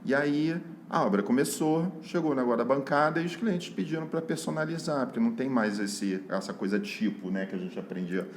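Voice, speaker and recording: A man's voice: medium pitch, expressive, a little fast, hardly any pauses, slight background noise. A man, a guest architect on a podcast, telling an anecdote casually and quoting dialogue.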